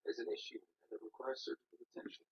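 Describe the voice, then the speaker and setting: An actor playing a serious hospital doctor in a television medical drama. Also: male voice, fast talker, lightly acted. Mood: firm, clinical. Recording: muffled playback, very loud noise, typing clicks.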